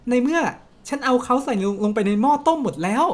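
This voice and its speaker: A man's voice: extremely high pitch, lively intonation, fast talker, pitched above the performer's own voice. A man voicing an eccentric young female witch who kidnaps people, with a breezy, teasing, sing-song delivery. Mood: proud cheerful. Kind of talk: game dialogue dub.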